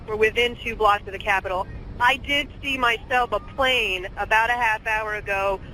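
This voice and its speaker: A woman files a live news report outdoors in a steady manner. Her voice is high and very bright, with faint traffic noise behind. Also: moderate pace, poor audio. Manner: steady, plain reporting with small hesitations. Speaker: field reporter. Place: outdoors near a government building.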